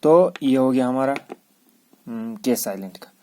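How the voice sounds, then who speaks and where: A man's voice: medium pitch, expressive, a little slow, warm tone, a little hiss or hum. A man teaching a lesson, spelling out words letter by letter and repeating each word several times. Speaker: English teacher. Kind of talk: classroom lesson.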